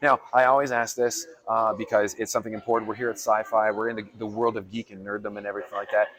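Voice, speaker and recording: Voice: mid-range voice, little pitch movement, quick pace, fairly bright tone, rough recording. An enthusiastic, rambling interviewer hosting a casual on-site chat at a fan convention, often repeating words. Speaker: interviewer, YouTube host.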